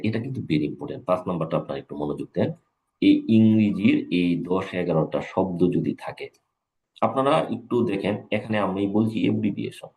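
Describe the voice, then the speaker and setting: During a live online English grammar class held in Bengali, a man with a low-sitting, darkish voice goes over examples, repeating them and spelling each one out letter by letter.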